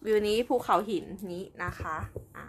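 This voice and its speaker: A woman's voice: moderate pace, a little hiss or hum. A young woman chatting casually on a live stream while preparing an embroidery project, giggly and talkative. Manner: chatty and giggly, with frequent laughs and repeated words.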